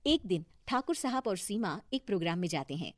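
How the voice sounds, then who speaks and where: A woman's voice: fairly low pitch, very animated, fairly quick, dry recording. Dry-sounding woman narrating a story. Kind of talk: scripted moral story narration.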